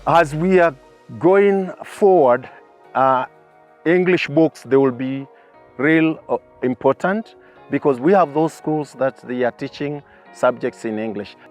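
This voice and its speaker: A man's voice: fairly high pitch, a little slow. A man from Tanzania who organizes safaris, answering interview questions hesitantly with many fillers. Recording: faint music behind.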